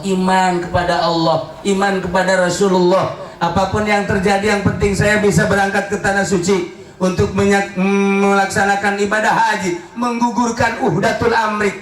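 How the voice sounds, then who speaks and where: A man's voice: sits high, fairly bright tone, echoey room, recorded from a distance. A male preacher giving a dramatic sermon that swings from pleading prayer to joking asides.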